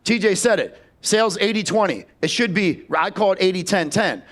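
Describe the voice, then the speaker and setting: A man's voice: sits high, animated, moderate pace, fairly bright tone. A man giving a blunt, profane sales talk at a live seminar, speaking straight to the audience. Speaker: sales trainer.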